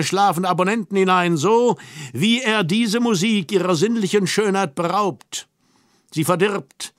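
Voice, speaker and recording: A man's voice: sits high, a bit bright, dry recording, clean studio sound. A man reading an audiobook and voicing Mozart as an all-knowing, mocking spirit who lectures in an ironic, scornful tone.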